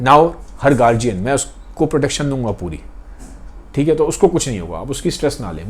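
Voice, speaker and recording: A man voicing a police inspector who calmly reassures a prisoner, in a softer, gentle manner. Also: mid-range voice, natural voice.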